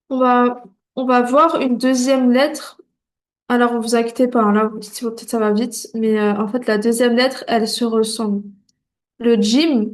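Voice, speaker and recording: A woman teaching beginners to read, patient and reassuring, sounding out syllables one at a time and checking in often. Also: a little high. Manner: patient, repeats syllables slowly and clearly. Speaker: Arabic reading teacher. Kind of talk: beginner lesson.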